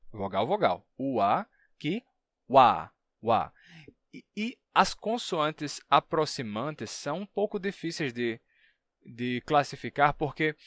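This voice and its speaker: A man of middle pitch teaching phonetics in a video lesson. He explains patiently and pauses to sound out example syllables slowly. The recording is close and dry. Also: fairly bright tone, dry recording. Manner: demonstrates sounds by repeating them slowly. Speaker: linguistics educator.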